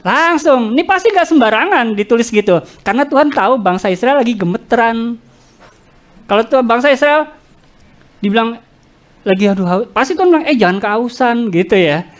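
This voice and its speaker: Animated woman preaching a sermon. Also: fairly high pitch, a little fast, long pauses. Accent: Indonesian, with East Javanese slang. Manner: animated, jokey, addresses the congregation directly; acts out congregants' complaints and God's words in quoted voices. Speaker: pastor. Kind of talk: lively church sermon. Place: church.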